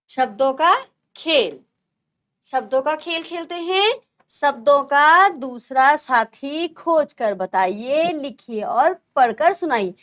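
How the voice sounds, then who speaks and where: A woman teaching a first-grade language lesson, drawing out single words slowly in a sing-song way for young children. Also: high-pitched, fairly bright tone. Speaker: primary school teacher.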